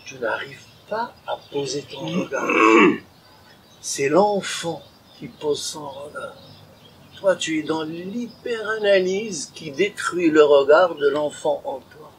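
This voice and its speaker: Male conference speaker, slightly high voice, animated spiritual lecture with acted asides. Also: slow, slight background noise, rough recording. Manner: animated, acts out inner dialogues, calls listeners habibi.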